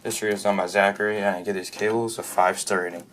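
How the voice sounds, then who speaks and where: Low-voiced man reviewing gadgets, halting. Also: flat delivery, a bit bright, slight background noise. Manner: halting, frequent restarts and self-corrections. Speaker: product reviewer. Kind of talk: unscripted product review voice-over.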